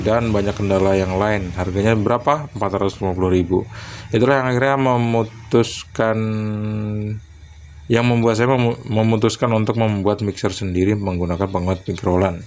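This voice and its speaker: Chatty low-voiced man explaining gear. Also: a little mellow, slight background noise. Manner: chatty, pauses to recall details, addresses viewers as guys. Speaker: electronics tech vlogger. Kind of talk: casual tech explainer.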